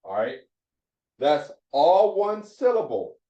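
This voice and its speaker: A man teaching a Hebrew phonics class, explaining slowly and repeating his points as he writes on a board. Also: a little high, sing-song, dark tone. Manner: slow, repeats points, restarts mid-sentence. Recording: echoey room, dull lo-fi sound.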